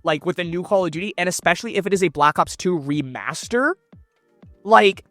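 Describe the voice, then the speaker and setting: Higher-voiced man thinking aloud casually. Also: animated, brisk, a bit bright, no room sound, faint music behind. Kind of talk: casual chat, speculating.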